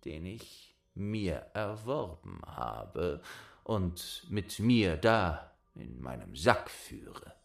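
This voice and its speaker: A man's voice: sits low, big pitch swings, drawn-out words, vocal fry, heavily acted. A man voicing a bold, boastful young male turner in a fairy tale reading, with a raised, ringing delivery.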